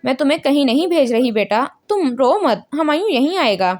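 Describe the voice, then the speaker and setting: A woman voicing a caring but firm older grandmother in a storybook reading, slow and comforting. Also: high voice, expressive, darkish tone.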